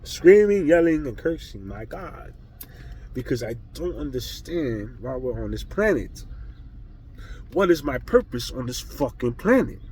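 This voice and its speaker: A man's voice: medium pitch, sing-song, measured pace, darkish tone, a little hiss or hum, rough recording. A man vlogging a blunt, profane spiritual monologue with heavy emphasis.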